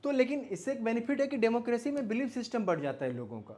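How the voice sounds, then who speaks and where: A man with an Indian accent teaches in an informal explanatory lecture, mixing Hindi and English and often posing questions and checking in with listeners. His voice is very high-pitched and darkish in tone, and he talks fast in a very animated way.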